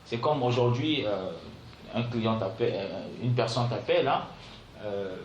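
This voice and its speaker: A man's voice: mid-range voice, animated, highs cut off. A male call center trainer, teaching a class and checking in with his students all the time. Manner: keeps checking in with "d'accord?" and "vous comprenez?"; repeats key phrases slowly for dictation. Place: training room. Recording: echoey room with faint background noise.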